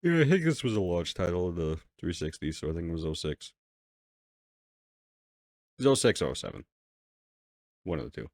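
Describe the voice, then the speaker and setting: Man, very low voice, dry close sound, casual podcast chatter, swears a lot. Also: very animated, a little fast, long pauses, dry recording. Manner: loose, profane and rambling. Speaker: podcast co-host. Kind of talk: casual chat.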